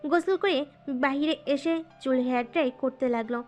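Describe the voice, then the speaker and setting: Female narrator for a romance audio story, high and smooth over faint music. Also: moderate pace, a little mellow.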